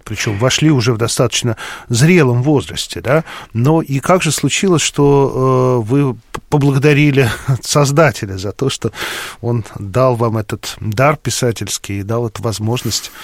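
A man hosts a radio interview and asks long, measured questions. He murmurs agreement often while his guest speaks. His voice is at a medium pitch and sounds dry and close. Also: dry recording. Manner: measured, attentive, frequent affirming murmurs. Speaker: radio host.

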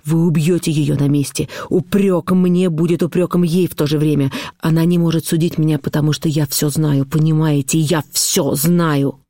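A desperate, defiant young woman confessing in an audiobook, as a male reader puts her on. The voice is a little high and dark in tone, recorded close and dry. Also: steady tone, moderate pace, few pauses, no room sound, close to an everyday voice. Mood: urgent. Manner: urgent, confessional.

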